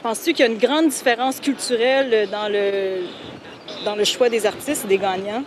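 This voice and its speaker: A young woman with a Québécois accent hosting a street show, brisk and playful as she introduces it and questions passers-by. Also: fairly high pitch. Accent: Québécois French. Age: young adult. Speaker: street interviewer and show host. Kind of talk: scripted intro and street interviews. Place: outdoors on a city street. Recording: noisy outdoor street recording. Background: traffic noise.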